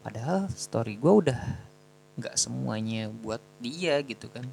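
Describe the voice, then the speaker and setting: A young man tells a story from his own life in a loose, chatty way, full of slang and jokes at his own expense. His low, gravelly voice stays at an ordinary middle pitch, and a faint hiss sits under the recording. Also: animated, measured pace, darkish tone, low-quality recording. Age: young adult. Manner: chatty, slangy, self-mocking. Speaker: student telling a personal story. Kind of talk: casual storytelling.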